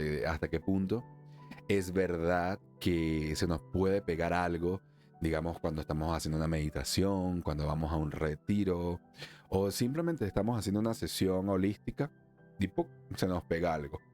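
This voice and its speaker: Deep-voiced guy from venezuela chatting thru his spiritual podcast, laughs a lot, faint music behind. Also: moderate pace, darkish tone. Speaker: podcast host, emotional wellness therapist. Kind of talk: solo spiritual podcast talk.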